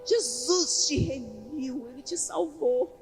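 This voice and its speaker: A woman's voice: sits high, slow pace. A woman preaching a sermon in a church, building to fervent proclamation. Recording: reverberant church hall with music.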